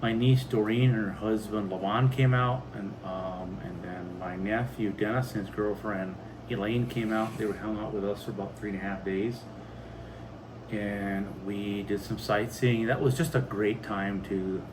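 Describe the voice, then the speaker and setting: A middle-aged man co-hosts a homestead vlog, chatting casually and recounting things plainly in short phrases. His voice is lowish at a normal speed, with clear, steady background noise like ventilation.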